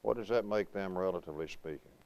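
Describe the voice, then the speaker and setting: Low, smooth-voiced man teaching a Bible class. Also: darkish tone, poor audio. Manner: conversational, asks the class questions and answers them; reads verses slowly and deliberately. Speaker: preaching school instructor. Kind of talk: Bible class lecture, reading scripture aloud and explaining it.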